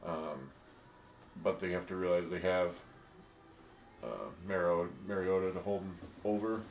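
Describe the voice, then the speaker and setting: Deep-voiced man musing in an echoey room. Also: fairly even intonation, a little slow, darkish tone. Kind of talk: casual draft pick discussion. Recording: echoey room with faint hiss.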